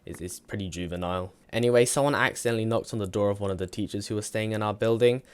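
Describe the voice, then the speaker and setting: A fifteen-year-old British male telling a casual story as video commentary in a deadpan, dry and slightly halting conversational way. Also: on the low side, clean tone. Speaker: gaming video creator narrating.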